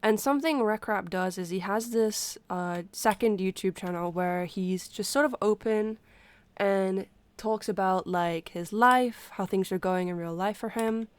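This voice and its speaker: A woman sick with a stuffy nose chats casually to her livestream, speaking haltingly and pausing to breathe through her mouth. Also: medium pitch, clear, resonant tone, no echo. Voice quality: congested, stuffy-nosed. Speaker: livestreamer talking to viewers. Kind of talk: casual unscripted chat.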